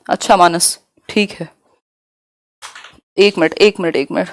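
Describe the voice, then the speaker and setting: A young woman with a lowish voice and steady tone teaches a live online exam-prep class. She explains terms in a blend of Hindi and English and slows down when reading questions aloud.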